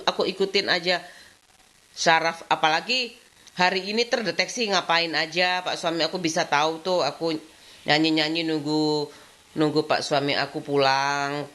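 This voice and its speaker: A middle-aged woman talking to her vlog audience from home in Indonesian with a Javanese accent. She rambles in a loose, chatty way, laughs often and keeps circling back to the same filler phrase. Her voice sits a little low for a woman. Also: fairly bright tone. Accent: Javanese-tinged Indonesian. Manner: rambling, repeats "kayak gitu", laughs often. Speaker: vlogger and housewife. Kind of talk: casual chatty vlog monologue. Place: at home while tidying.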